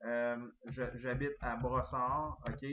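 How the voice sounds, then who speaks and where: A man with a Québécois French accent giving an eager, excitable sales pitch on a recorded online call, full of fillers and restarts. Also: slow pace, lo-fi sound. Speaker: network marketing presenter.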